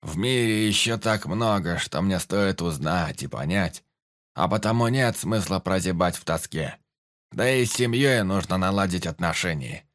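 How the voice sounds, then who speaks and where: A man voicing a calm, thoughtful male character in an audiobook, speaking slowly and deliberately. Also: low voice. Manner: slow, measured speech.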